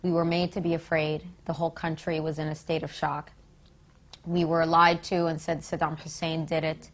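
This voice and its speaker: A peace activist with an American accent gives emphatic political commentary as an interviewee, frequently asking rhetorical questions. Her voice is deep, with little pitch variation, at a normal speed.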